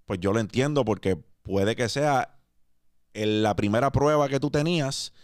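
A man's voice: mid-range voice, a little slow, no echo, studio quality. A man with a Puerto Rican accent hosting a podcast, laid-back and slangy, slipping English words into his Spanish. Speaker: podcast host. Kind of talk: casual interview. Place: podcast studio.

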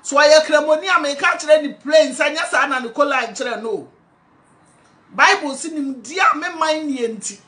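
A woman's voice: sits high, a bit bright. An older Ghanaian woman speaking to a phone camera indoors, scolding, pleading and preaching at someone in an impassioned address. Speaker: party supporter. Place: indoor room at home. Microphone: phone camera close up.

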